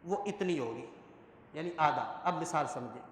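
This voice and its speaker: A man teaching Quran pronunciation in a classroom lesson, spelling out syllables slowly and often asking whether the class understands. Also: on the high side. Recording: echoey hall.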